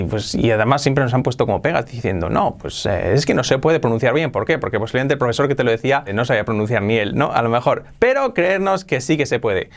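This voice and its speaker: A young man from Spain with a Spanish accent, hosting an energetic online English pronunciation lesson and repeating words to model them. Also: medium pitch. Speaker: English pronunciation teacher, channel host.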